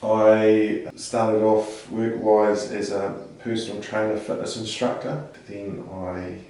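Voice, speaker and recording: A man in his thirties with a New Zealand accent, a police sergeant answering interview questions in a measured way, often pausing with ums. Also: lowish voice, level tone, warm tone, a little hiss or hum. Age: 30s. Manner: measured, with frequent ums and restarts. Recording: very echoey room, distant mic.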